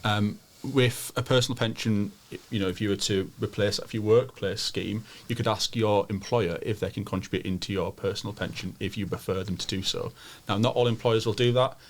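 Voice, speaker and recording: A man's voice: lowish voice, fairly even intonation, fairly quick. A man speaking as an adviser on a podcast, explaining technical points informally and methodically. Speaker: financial adviser, podcast guest.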